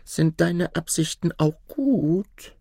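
A man's voice: fairly high pitch, animated, slow, vocal fry, warm tone, no room sound, clean studio sound, pitched above the performer's own voice, heavily acted. A man voicing a greedy, wily old tailor who haggles slyly for gold. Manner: sly and haggling.

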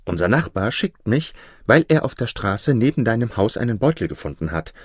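A man voicing an eager young male apprentice thief in a storybook reading, talking in an excited, pleading way. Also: fairly low pitch, a little fast, slightly rough, no room sound, clean studio sound. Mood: sly.

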